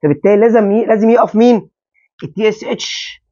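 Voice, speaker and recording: Fast, high-voiced Egyptian teacher quizzing students. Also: male voice, warm tone. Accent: Egyptian Arabic. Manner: quizzing students with quick rhetorical questions. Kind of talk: biology lesson at a whiteboard. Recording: dull lo-fi sound.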